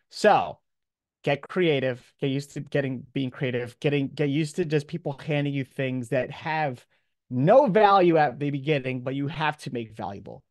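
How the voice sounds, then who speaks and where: Playing a college professor, a man gives his class an informal, encouraging lecture in casual, slangy language. His voice is mid-range, and the studio-quality recording has no echo.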